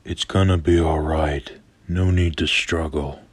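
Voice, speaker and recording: A man playing an adult male captor in a horror role-play, speaking with a sweet, eerily obsessive manner in a husky voice. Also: very deep voice, steady tone, unhurried, no echo, pitched below the performer's own voice, heavily acted. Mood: soothing. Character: grown man captor, obsessively in love, falsely soothing.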